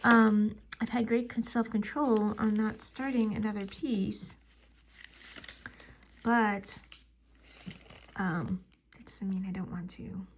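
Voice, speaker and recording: A woman's voice: mid-range voice, steady tone, takes it slowly, pauses often, a little hiss or hum. A married woman chatting casually at home in a crafting vlog, rambling with lots of fillers. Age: adult, married. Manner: rambling, warm-hearted, filler-heavy. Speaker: crafting vlogger. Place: home living room.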